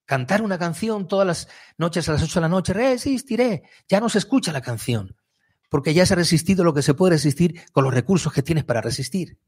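A man delivers a fiery sermon. His voice sits a little high and sounds husky, and he keeps swelling into emphatic, near-shouted peaks. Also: expressive, fairly quick. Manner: impassioned, rises to high emphatic outbursts. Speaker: preacher.

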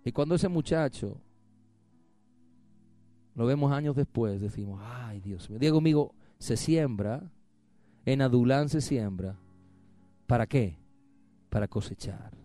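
A man's voice: medium pitch, expressive, a little slow, pauses often, mellow, dry recording, faint music behind. A man preaching a sermon with rising fervor, calling the congregation to repeat after him. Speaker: pastor.

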